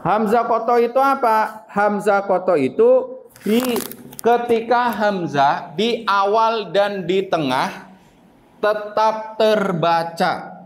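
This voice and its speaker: A man's voice: sits high, rough recording. A man teaching an Arabic grammar lesson to a class, explaining step by step and asking the students questions as he goes.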